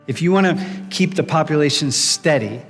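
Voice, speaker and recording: A man's voice: fairly high pitch, moderate pace, a bit bright. A man lecturing as a professor, quizzing students directly and often restarting his sentences. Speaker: university professor. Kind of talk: classroom lecture. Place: large lecture hall. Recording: reverberant lecture hall with background music.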